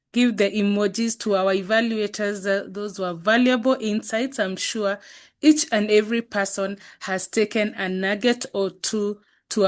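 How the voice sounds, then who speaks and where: A woman hosting an online meeting over a video call, earnest and exhorting with rhetorical questions. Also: mid-range voice. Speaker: meeting host. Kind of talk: reflective meeting address.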